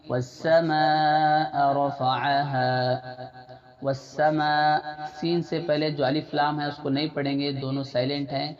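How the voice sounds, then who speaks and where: A man teaching tajweed step by step, repeating letters and phrases slowly for learners to copy, at times chanting verses in a drawn-out melodic way. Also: a little high. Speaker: Quran recitation teacher. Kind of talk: slow step-by-step tajweed lesson. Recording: dull lo-fi sound with crowd noise behind.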